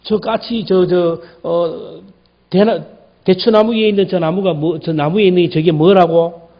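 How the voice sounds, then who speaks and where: A man voicing a forgetful grandfather in his eighties who keeps asking the same question, in a slightly lower voice. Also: fairly even intonation, unhurried. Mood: confused. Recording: dull lo-fi church recording.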